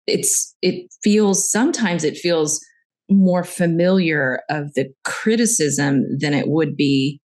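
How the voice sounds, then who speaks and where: Low-voiced woman, candid podcast host. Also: darkish tone. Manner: candid, reflective, shares personal stories. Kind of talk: conversational interview.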